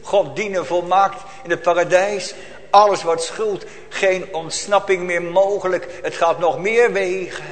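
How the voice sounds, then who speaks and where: Preaching in a church with long, hall-like reverb, this pastor speaks solemnly and urgently, posing rhetorical question after rhetorical question to the congregation. He keeps a high, steady voice at a measured pace.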